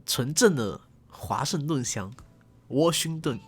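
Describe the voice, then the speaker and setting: Playful young man, husky voice, soft music. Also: medium pitch, expressive, slow. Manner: playful, teasing, joking self-mockery, exaggerated English words. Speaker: channel host. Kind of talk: casual chat to camera. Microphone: desk condenser mic.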